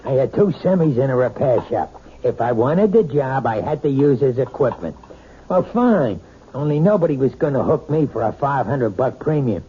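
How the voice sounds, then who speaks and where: Overbearing, sharp-tempered radio husband, acted by a man. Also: medium pitch, animated, moderate pace, close to an everyday voice. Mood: grumbling. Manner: blunt, scornful, badgering. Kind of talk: 1970s radio drama acting. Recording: noisy, dull old radio broadcast.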